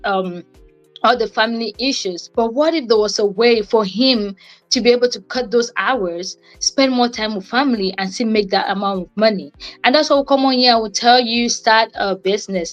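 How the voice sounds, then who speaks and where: On a low-quality recording, a young Cameroonian woman with a voice on the high side delivers a casual motivational talk. She's a co-host and guest speaker on a livestream, speaking conversationally and repeating phrases to drive points home.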